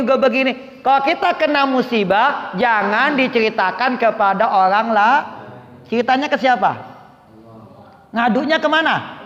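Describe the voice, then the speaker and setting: Guy, very high voice, religious lesson for youth, keeps quizzing the crowd, echoey hall. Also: fairly bright tone. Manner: questions the audience, call and response. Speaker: Islamic teacher. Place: prayer room gathering. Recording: echoey, dull lo-fi hall recording.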